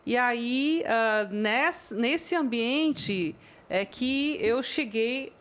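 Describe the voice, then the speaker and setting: A woman's voice: a little high, animated, fairly bright tone. Taiwan-born woman, chatty and thoughtful. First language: Chinese. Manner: thoughtful, frequent "né?" tag questions and filler pauses. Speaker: interviewee, university music professor. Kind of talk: relaxed interview chat.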